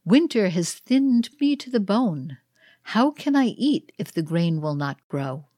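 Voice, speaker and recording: A woman's voice: sits low, big pitch swings, a little slow, dark tone, no room sound, studio quality. A woman voicing a thin, starving petitioner who pleads in an unvoiced whisper. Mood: pleading.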